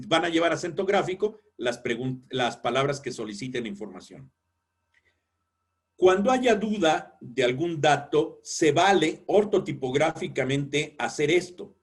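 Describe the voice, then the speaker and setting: Husky man teaching a webinar. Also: on the high side. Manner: explanatory, acts out example sentences. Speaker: lecturer on editorial writing. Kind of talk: webinar lecture.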